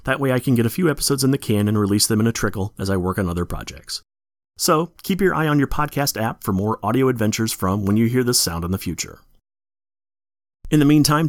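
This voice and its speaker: A man's voice: mid-range voice, dry recording, studio quality. A tired man hosting a podcast, reading a plainspoken scripted introduction. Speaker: podcast host.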